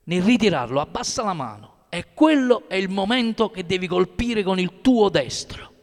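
A gruff middle-aged boxing coach barks short instructions, as a male reader puts him on. The voice sits high for a man. A long reverb hangs behind him, as in a large hall, which suits a storybook reading. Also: animated, normal speed. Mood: reassuring. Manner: curt, barking instructions.

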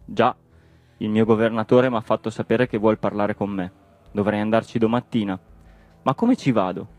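A poor, carefree middle-aged villager, voiced by a male reader, calm and plaintive as he pleads his case. The voice stays close to a plain male reading voice, recorded dry with faint music behind. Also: fairly low pitch, moderate pace, no room sound, close to an everyday voice.

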